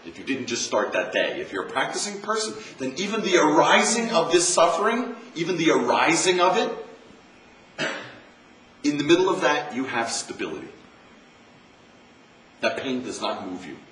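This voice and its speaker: Lively American Zen monk, distant and roomy. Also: male voice, a little high, normal speed, long pauses. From United States. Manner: conversational, repeats phrases for emphasis. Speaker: Zen monk giving a talk. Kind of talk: informal dharma talk. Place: campus lecture room. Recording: roomy, distant mic, faint hiss.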